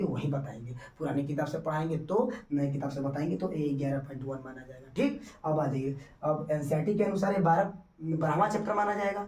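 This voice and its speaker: A fairly high-voiced man teaches from some distance away from the mic, in a room that echoes. He goes through the syllabus point by point, repeats himself, and keeps asking whether his students are following. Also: dark tone. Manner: repetitive, checks students understand. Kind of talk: syllabus explanation lesson.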